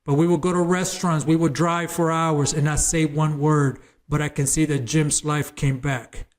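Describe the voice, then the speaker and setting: A man's voice: a little high, little pitch movement, normal speed. Earnest man telling his testimony. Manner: earnest, emphatic, repeats words as he builds up. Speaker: interview guest, former gang member. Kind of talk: emotional personal testimony told as a story.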